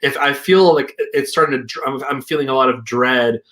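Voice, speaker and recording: A man's voice: mid-range voice, fairly quick, fairly bright tone. Reflective young man, casual. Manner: reflective, hedging with "like" and "you know". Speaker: co-founder and healing practitioner. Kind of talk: casual conversation.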